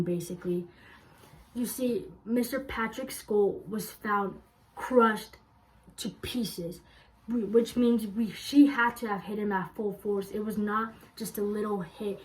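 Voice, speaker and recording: A woman with a medium-pitched voice presents a closing argument to a court. She is insistent and emphatic, leaning on key points to persuade. Her delivery stumbles a little here and there as she pushes the case forward. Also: a little mellow, rough recording.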